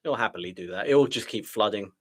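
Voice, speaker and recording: A man's voice: on the low side, lively intonation, fast talker, a little hiss or hum. A man giving live trading commentary to his viewers in a frustrated, self-deprecating way, sighing as he muses. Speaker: day trader streaming live.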